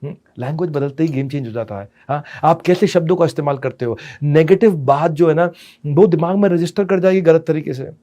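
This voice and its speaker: A man giving a motivational parenting lecture as a business consultant. He talks dramatically, swinging between loud, scolding bursts and soft asides, and drops terms his talk. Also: a little high, brisk.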